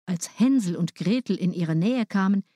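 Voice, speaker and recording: A woman reading a fairy tale aloud, in a lively, expressive way. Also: medium pitch, normal speed, dry recording, clean studio sound. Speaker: storyteller.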